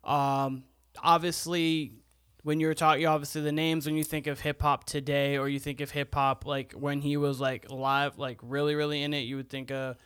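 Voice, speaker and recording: A man's voice: a little high, flat delivery, normal speed, fairly bright tone, clean tone, no room sound, clean studio sound. A man who is a guest on a podcast, talking casually and laid-back, with lots of "uh" and "like". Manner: laid-back, fills his talk with "uh" and "like". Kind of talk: casual sports podcast chat.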